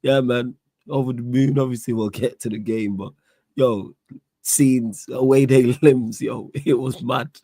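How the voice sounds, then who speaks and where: A man with a London accent and a hoarse, worn-out voice, chatting casually on a football fan show. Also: mid-range voice, fairly even intonation, unhurried, warm tone, dry recording. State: hoarse, voice gone from shouting the day before. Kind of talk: casual chat.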